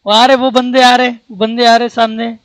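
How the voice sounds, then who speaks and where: A man streaming a game with friends, chatting casually and calling out to his teammates with excitement. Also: very high voice, normal speed. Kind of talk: casual gameplay chat.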